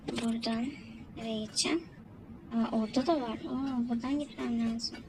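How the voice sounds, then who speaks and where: A woman's voice: fairly high pitch, fairly even intonation, normal speed, noisy background. A woman doing casual let's-play commentary, talking to herself and the game with jumpy exclamations. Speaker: gamer.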